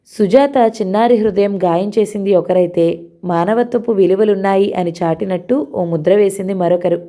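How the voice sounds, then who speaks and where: A woman narrating a novel in a steady, unhurried reading voice. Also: mid-range voice.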